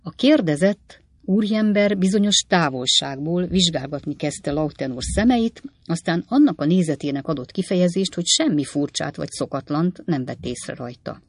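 A reader narrating a classic novel in an even, low, measured way. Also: no room sound. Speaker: audiobook reader.

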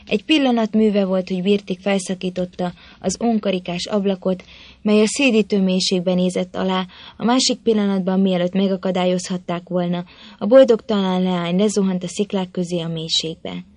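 A woman narrating an old tale with an expressive, measured reading. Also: medium pitch, no echo. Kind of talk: storybook narration.

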